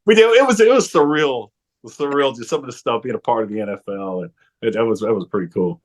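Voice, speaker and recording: A man in his forties, a former football player, telling his story as a podcast guest, animated, laughing often and restarting his sentences. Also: mid-range voice, fast. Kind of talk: storytelling interview talk.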